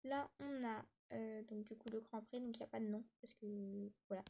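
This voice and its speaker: A woman giving a casual tour of her game world, talking quickly with lots of hesitations and restarts, sometimes short of breath. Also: on the high side, fairly even intonation, gravelly, mellow, muffled recording, a little hiss or hum. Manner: hesitant, many fillers and restarts; talks fast, says she struggles to catch her breath. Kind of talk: casual gameplay tour narration.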